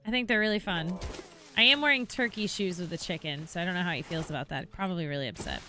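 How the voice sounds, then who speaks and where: A woman's voice: on the low side, quick pace, sharp tone, faint music behind. A woman livestreaming while gaming, chatting casually and thanking viewers in a bubbly way. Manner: bubbly, reads out chat and thanks subscribers.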